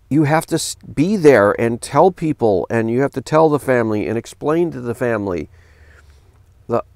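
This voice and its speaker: A man's voice: creaky, no echo. A middle-aged man, a pastor, reading a news article aloud and stopping to question it in an earnest voice, at a desk in a home office. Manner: earnest, questioning, reads quotes in a lower flat tone. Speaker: pastor commentator.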